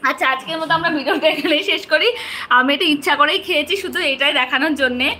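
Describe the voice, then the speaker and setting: A woman's voice: high voice, quick pace, sharp tone, slight background noise. A woman, a mother vlogging at home on her phone, coaxing and teasing her small son in a sing-song voice. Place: at home indoors.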